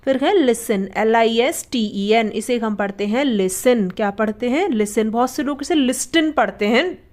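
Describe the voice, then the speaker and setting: A woman's voice: fairly high pitch, lively intonation, moderate pace, a little mellow. A Hindi-speaking woman teaching vocabulary, spelling each word letter by letter and asking questions she then answers herself. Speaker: English teacher. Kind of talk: spoken vocabulary lesson.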